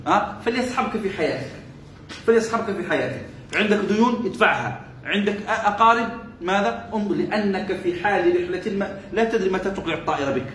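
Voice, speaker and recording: Male religious teacher, high and rapid, prods listeners with rhetorical questions, repeats phrases; roomy echo. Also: a bit bright. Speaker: sheikh teaching a religious text. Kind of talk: religious lesson with colloquial asides. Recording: roomy echo with faint background noise.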